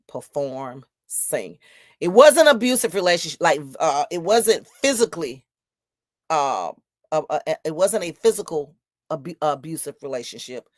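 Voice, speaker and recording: A woman in her fifties hosts her own podcast, talking straight to listeners and reading their comments aloud. Her voice sits low, and she preaches her points with lots of repetition. The sound is dry, with no room echo. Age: 50s. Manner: emphatic, preachy storytelling with repetitions. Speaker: podcast host. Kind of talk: solo podcast talk reading viewer comments.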